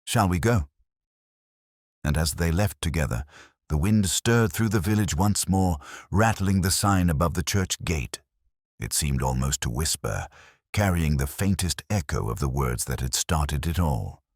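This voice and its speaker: Male narrator, very deep, lively intonation, dry close recording; calm measured audiobook storytelling. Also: no echo.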